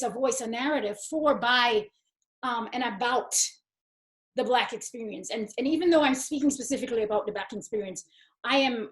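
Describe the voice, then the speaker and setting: Woman, event moderator, slightly high pitch, halting, searching for words, frequent restarts. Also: low-quality recording. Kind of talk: discussion remarks and reading a speaker's bio.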